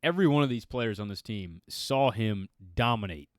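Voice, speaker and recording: A man's voice: fairly low pitch, animated, normal speed, no echo, studio quality. A man co-hosting a soccer podcast, chatting casually and swearing freely. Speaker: podcast co-host. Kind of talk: casual chat.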